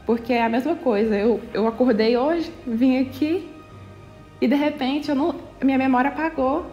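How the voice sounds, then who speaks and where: A young woman from Brazil shares a personal testimony with a high voice. She tells it earnestly, often slowing down and using many fillers. Soft music plays faintly behind her. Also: highs cut off. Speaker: church member sharing testimony.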